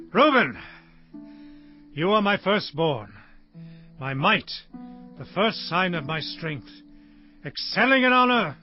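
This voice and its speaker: In a scripture drama, a frail, aged Hebrew patriarch solemnly blesses his sons, declaiming very slowly in a voice fairly high for a man. His manner is deliberate and grandly pronouncing. Soft music plays behind him, and the lo-fi audio sounds muffled under it.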